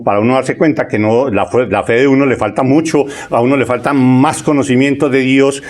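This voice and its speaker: Man, sermon, reads scripture slowly, asks "¿sí?" often. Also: medium pitch, darkish tone. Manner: conversational preaching with frequent "¿sí?" checks and word repetitions; reads scripture aloud, stretching key phrases slowly. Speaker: preacher.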